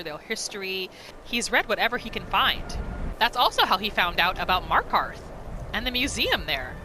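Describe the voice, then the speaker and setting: Amid background noise, a woman with a mid-range voice narrates a roleplay video game series. Her commentary is casual and story-driven, in the manner of a gamer telling a tale.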